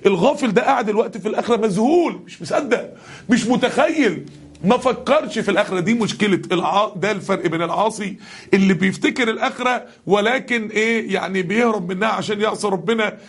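A man with an Egyptian Arabic accent preaching a passionate sermon to a congregation, his voice climbing to shouts on the key lines. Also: sits high, fast, breathy edge. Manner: impassioned, rising to shouts on key verses.

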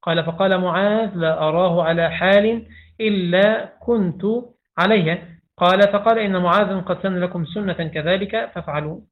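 Man, hadith reader, quick recitation, high voice, tinny phone-like recording. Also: fairly even intonation. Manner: rapid reading, reciting narrator chains with small slips. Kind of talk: reading hadith text aloud.

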